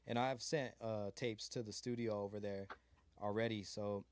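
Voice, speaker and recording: On the low side and steady, at a moderate pace with no room sound, speaks a beat maker from California's Mojave desert. An adult with a child, he's casually interviewed and rambles in a relaxed way, heavy on slang and filler words.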